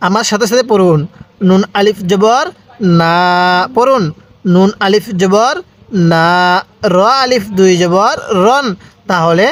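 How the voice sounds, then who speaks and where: Speaking at a measured pace in a high-sitting voice, a man from Bangladesh teaches Quran reading one step at a time. He names each letter and vowel mark, lengthens the long syllables, and asks the listener to echo him.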